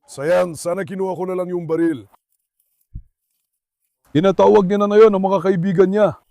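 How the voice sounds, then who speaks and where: Man, high voice, dry close sound, urgent vlog narration, calls to his dogs, shouts then hushes. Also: steady tone, normal speed, gravelly, no room sound. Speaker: vlogger and dog owner. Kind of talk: tense outdoor adventure vlog narration. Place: forest at night.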